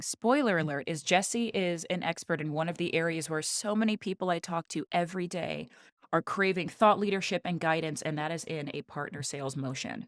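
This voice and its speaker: A woman's voice: fairly low pitch, no echo, studio quality. A woman hosting a podcast, effusive and encouraging in a playful, casual interview chat. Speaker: podcast host.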